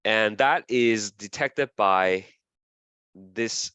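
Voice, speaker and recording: A man's voice: lowish voice, extremely slow, pushed and bright, smooth, no room sound. A man lecturing a class, repeating key terms as he draws and often asking "okay?" and "right?".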